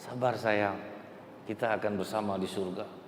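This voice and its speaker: A man playing a devout, steadfast mother who comforts her children softly, in an echoey hall. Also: fairly low pitch, fairly even intonation, moderate pace, slight background noise, close to an everyday voice. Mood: tender.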